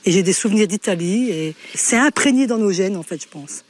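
A woman's voice: medium pitch, lively intonation, fairly quick. A woman from Belgium, interviewed in a recorded report, talking casually and cheerfully with laughs.

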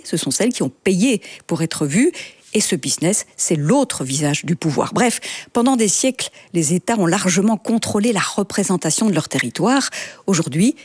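A woman's voice: lowish voice, darkish tone, slightly rough, dry recording. A woman giving a scripted, explanatory radio segment in a conversational way, from Belgium. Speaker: radio columnist.

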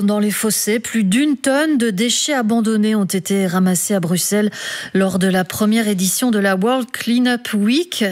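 Woman reading radio news. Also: mid-range voice. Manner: measured, steady reading with occasional fillers. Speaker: newsreader.

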